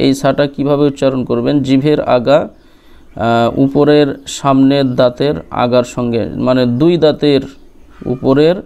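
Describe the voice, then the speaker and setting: A man teaching recitation, spelling out syllables one by one and repeating each word slowly. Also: medium pitch, darkish tone, smooth. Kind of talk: letter-by-letter recitation lesson.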